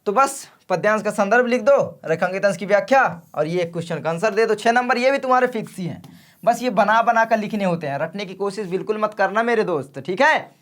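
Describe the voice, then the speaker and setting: High-voiced teacher with a sore throat. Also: male voice, lively intonation, a little fast, a bit bright. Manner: friendly, direct, calls students "my friend". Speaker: exam-prep teacher. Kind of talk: casual exam coaching lesson.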